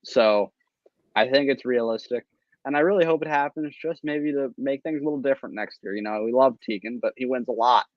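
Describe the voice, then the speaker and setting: A man hosting a podcast in an easygoing, teasing way. His voice sits in a middle pitch and sounds dry and close. The audio is dull and lo-fi. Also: dry recording. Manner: joking, quick to tease. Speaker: podcast host. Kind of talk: casual chat.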